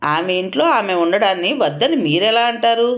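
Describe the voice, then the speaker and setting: A woman's voice: medium pitch, animated, brisk, close to an everyday voice. A woman voicing a defiant young daughter-in-law who talks bluntly and sarcastically. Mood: defiant, sarcastic.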